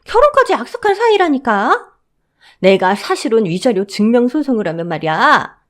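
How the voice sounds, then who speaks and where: A woman voicing a brash, loud middle-aged woman who shouts and insists she owns the building. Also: big pitch swings, moderate pace. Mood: insistent. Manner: shrill, shouting, indignant.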